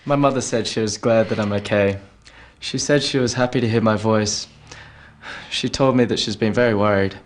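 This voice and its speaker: Actor playing a gentle young man in a learner drama. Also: on the low side, steady tone, normal speed, slight background noise, natural voice. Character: young man reconciling with his family.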